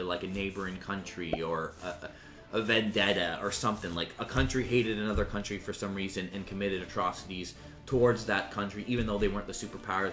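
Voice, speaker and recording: A man's voice: on the low side, fairly bright tone. A man giving casual, rambling commentary on a game, swearing freely and restarting his sentences. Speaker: gaming commentator. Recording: roomy sound with faint music.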